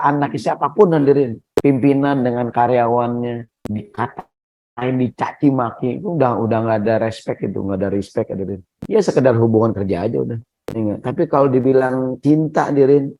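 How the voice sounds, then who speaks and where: A male preacher delivering a relaxed, chatty sermon in a mosque. His pitch sits in the middle of the range. He keeps tossing questions back to the listeners and addressing them directly, and he sounds lively and expressive. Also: brisk, low-quality recording. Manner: conversational, keeps asking the audience "ya nggak?"; often addresses listeners as "hadirin". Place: mosque hall.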